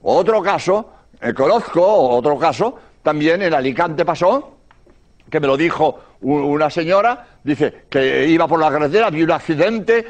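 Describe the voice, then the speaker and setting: Older male priest; high, animated delivery in a sermon talk. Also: moderate pace. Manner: lively storytelling, repeats prayers softly. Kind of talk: radio-style sermon talk.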